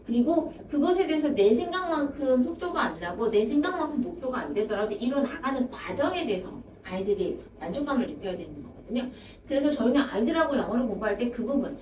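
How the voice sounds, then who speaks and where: A woman's voice: fairly high pitch, darkish tone. A woman academy director giving a talk to parents, explaining her points by acting out students' excuses in their voices. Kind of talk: parent information session talk. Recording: echoey room, voice from far off, faint hiss.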